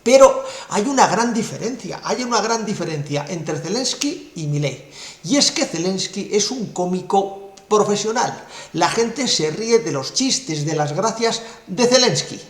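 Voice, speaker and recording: Scornful commentator, echoey. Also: male voice, high-pitched, expressive, measured pace. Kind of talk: political commentary monologue. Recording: roomy echo.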